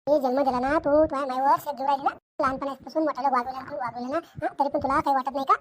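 A woman's voice: high-pitched, fairly even intonation, rapid-fire, a little hiss or hum, close to an everyday voice. A woman voicing a scolding middle-aged village mother in a cartoon comedy, lamenting and repeating herself. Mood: outraged lament.

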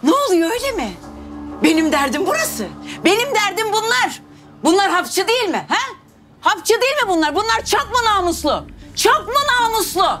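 An actress playing an angry, overprotective mother who shouts and accuses a neighbor. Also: very high-pitched, big pitch swings, moderate pace, music in the background. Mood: furious. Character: furious overprotective mother, middle-aged woman. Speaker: actress in a TV drama.

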